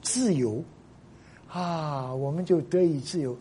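A man's voice: fairly high pitch, slow pace, dark tone, husky. A male pastor preaching a sermon to his congregation. He stresses points by repeating himself and often drops English phrases into his Chinese.

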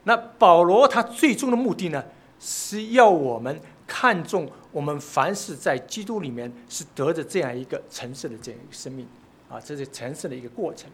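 A man's voice: fairly high pitch, lively intonation, normal speed, slight background noise. A man preaching a sermon, speaking with frequent filler sounds and rising emphatic peaks. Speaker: pastor.

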